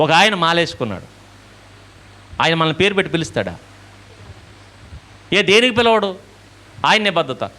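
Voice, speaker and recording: A man's voice: a little high, bright, forceful tone. A male preacher giving a sermon, asking questions and answering them himself while acting out little dialogues.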